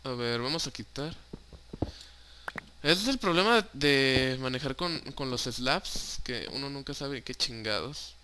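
This young Mexican Spanish-accented gaming YouTuber talks a little slowly, in an expressive, pushed, bright mid-range voice, with slight background noise. Narrating his own Minecraft session, he jokes casually, swears freely, and drops in English words.

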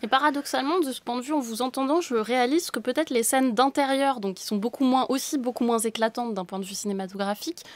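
A woman's voice: a little high, fast, hardly any pauses, no echo. A young woman hosting a radio critics' panel in a studio, speaking articulately and passing the word to her guests. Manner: articulate, leading the talk and handing over to guests. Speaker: radio host. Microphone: studio microphone with headphones.

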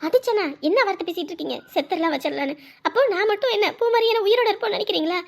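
A woman's voice: very high voice, rapid-fire, gravelly. A woman playing a caring young wife who reassures her husband, sometimes scolding, in a serial-style drama. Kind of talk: TV serial acting.

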